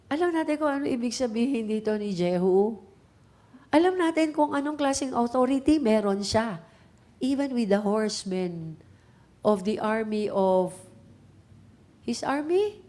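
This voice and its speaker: A woman's voice: fairly high pitch, unhurried, long pauses. Filipino woman pastor preaching. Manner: animated storytelling, mixes Tagalog and English, acts out voices in quotes. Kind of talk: sermon.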